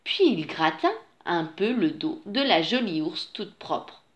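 A woman reading a children's story aloud in an expressive, sing-song way with a repeating refrain. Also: lowish voice, measured pace.

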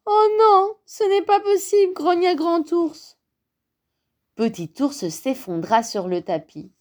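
A woman reading a children's storybook aloud, slow and expressive. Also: medium pitch.

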